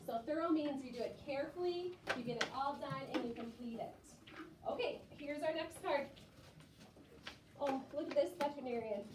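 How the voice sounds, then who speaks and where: An elementary school teacher speaks to young children in her classroom, keeping explanations simple and rephrasing as she goes. She has a high voice at a normal speed. Recorded from a distance, the room sounds echoey and clearly noisy.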